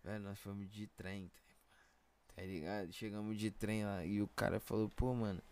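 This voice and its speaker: A man's voice: lowish voice, flat delivery, normal speed, a little mellow. A young man with a Brazilian Portuguese accent telling anecdotes in casual, slangy chat full of verbal tags. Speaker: rapper, podcast guest.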